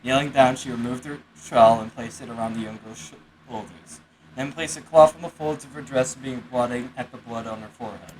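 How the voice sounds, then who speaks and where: A man's voice: medium pitch, brisk, slight background noise, poor audio. A man reading a novel aloud on a live stream from an apartment room, with casual joking asides. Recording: background game music.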